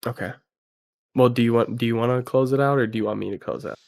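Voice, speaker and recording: A sick man with a nasal voice, talking low and quiet in a casual movie review chat, halting with fillers. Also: steady tone, gravelly, dry recording. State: sick, congested.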